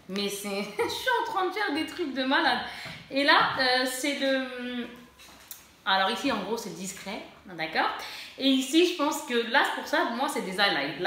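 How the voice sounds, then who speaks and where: Woman, casual beauty haul vlog, fumbles for words, bright tone, faint background noise. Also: medium pitch. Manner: chatty, searches for words, self-mocking. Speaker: beauty vlogger. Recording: very echoey room.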